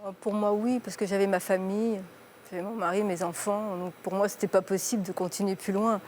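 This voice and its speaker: A woman talk show guest giving brief, quiet answers about her personal story. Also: medium pitch, steady tone, brisk, slight background noise. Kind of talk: personal testimony.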